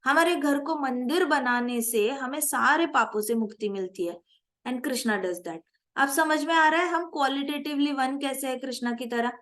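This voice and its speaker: A woman giving a scripture class in an animated way, asking her listeners questions and mixing in English phrases. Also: high-pitched, unhurried. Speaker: spiritual teacher.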